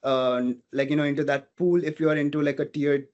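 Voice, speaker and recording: This hospitality student from India, a native Portuguese speaker, talks earnestly as a guest in a relaxed interview, working through his thoughts aloud with lots of "you know." His voice sits on the high side, a little mellow, fairly quick and fairly even in intonation, over dull audio.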